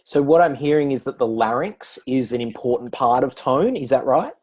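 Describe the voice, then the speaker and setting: A man's voice: mid-range voice, lively intonation, moderate pace, darkish tone, breathy edge. A man interviewing a voice coach, asking his questions with restarts and hesitations. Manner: hesitant, restarts questions, brief agreeing sounds.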